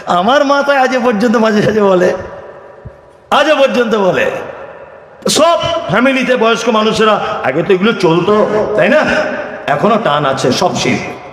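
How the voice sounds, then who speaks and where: A man from India delivers a sermon in a high voice, pressing his listeners with rhetorical questions and calling for their answers. His words ring out in a large, echoey hall with a long reverb tail. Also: animated, moderate pace, pauses often, fairly bright tone. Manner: calls for crowd answers. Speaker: preacher.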